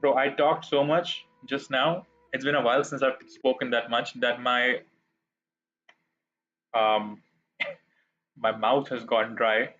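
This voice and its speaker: Chatty male streamer with a bright voice. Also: medium pitch, fairly even intonation, takes it slowly, pauses often, dull audio, a little hiss or hum. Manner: chatty, rambling, self-deprecating. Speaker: gaming streamer. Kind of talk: casual live-stream chat while gaming.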